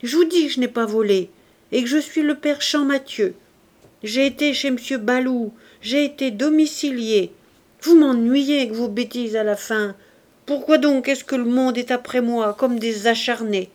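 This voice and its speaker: A woman voicing a poor, bewildered old male vagrant in the dock, protesting loudly and rambling. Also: fairly high pitch, moderate pace, lightly acted. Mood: indignant protest.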